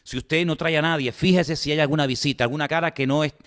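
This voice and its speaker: A male pastor delivering an animated, conversational sermon to his congregation, full of rhetorical asides. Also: on the high side, quick pace, long reverb tail. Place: church.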